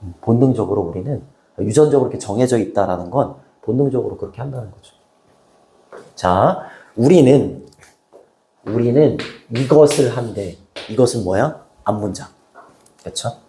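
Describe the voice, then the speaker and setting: A man giving a classroom lesson, talking easily and informally. His voice is mellow and dark. He keeps checking in with his students through short questions. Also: mid-range voice, lively intonation, normal speed. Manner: casual, chatty, asks students rhetorical questions. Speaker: English teacher. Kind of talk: classroom lecture.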